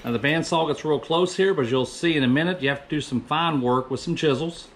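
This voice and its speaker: A fifty-something woodworker presents his project from a small indoor shop, speaking a little high and fast. His voice-over is casual and rambling, with frequent self-corrections.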